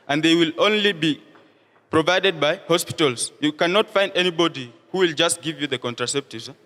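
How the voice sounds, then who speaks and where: A man's voice: fairly high pitch, a bit bright. A tired Kenyan teenage boy answering debate questions hesitantly, with many fillers and tag questions. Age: late teens. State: tired and hungry. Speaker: student debater. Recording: reverberant school hall.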